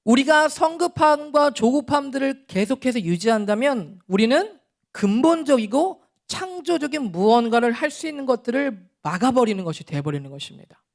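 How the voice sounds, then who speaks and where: A middle-aged man preaching a sermon as a pastor, talking in a relaxed, conversational way with chuckles and acted-out scolding. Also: very high voice, moderate pace.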